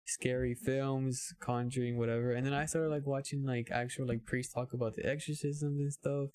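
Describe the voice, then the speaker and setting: A man hosts a podcast in an easygoing, conversational way, leaning on fillers as he talks. His voice is mid-pitched. The recording is dry and close. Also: normal speed, no echo. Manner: relaxed and conversational, heavy on fillers like "like". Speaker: podcast host. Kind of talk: casual chat.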